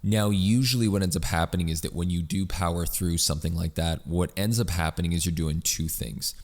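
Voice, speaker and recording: A man's voice: low-pitched, fairly even intonation, brisk, a little mellow, big-room sound. A man who hosts a fitness podcast and coaches runners, explaining in a casual, conversational way with frequent fillers and restarts. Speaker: running coach and podcast host.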